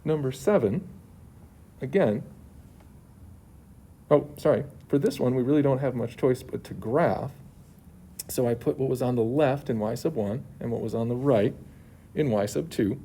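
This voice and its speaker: A man's voice: medium pitch, moderate pace, long pauses, mellow, slightly rough. A male math teacher explaining homework solutions step by step, his voice slightly muffled by a face mask. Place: at a school. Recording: muffled through mask, faint background noise.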